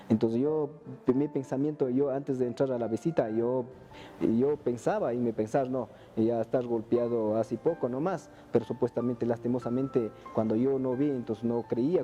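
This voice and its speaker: A man giving documentary testimony about a hospitalized relative, speaking in halting, repetitive phrases. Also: mid-range voice, dark tone. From Ecuador. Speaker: victim's relative interviewed. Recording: dull lo-fi audio with faint music.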